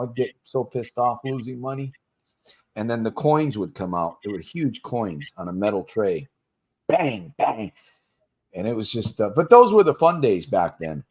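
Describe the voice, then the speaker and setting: A man hosting a casual livestream for gamblers in recovery, plain-spoken and slangy, coaching listeners directly and laughing easily between points. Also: medium pitch. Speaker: podcast host for gamblers in recovery.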